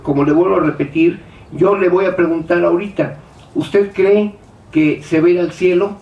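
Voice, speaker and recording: A man preaching a sermon in a high, bright register, heard from some way off the microphone. He keeps firing rhetorical questions and acts out the doubts of his listeners. The church hall echoes around him, with a faint room hum behind. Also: steady tone, moderate pace, vocal fry, highs cut off. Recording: echoey hall, speaker far from mic.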